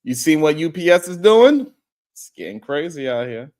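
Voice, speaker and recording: A man's voice: on the high side, sing-song, normal speed, a little mellow. A man hosting a casual livestream, talking loosely and rambling as he greets viewers in the chat and chuckles often.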